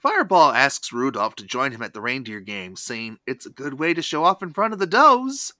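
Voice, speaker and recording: A man's voice: mid-range voice, sing-song, normal speed, bright, forceful tone, no echo, studio quality. A man hosting a review show, reading a scripted recap with asides.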